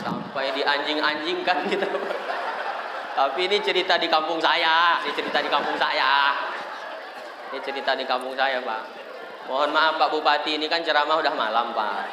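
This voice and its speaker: A man's voice: fairly high pitch, steady tone, moderate pace, a crowd in the background, noisy background. A man preaching a humorous sermon, telling stories and slipping into voices. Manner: storytelling, joking, shifting voices. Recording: echoey hall with faint ambience.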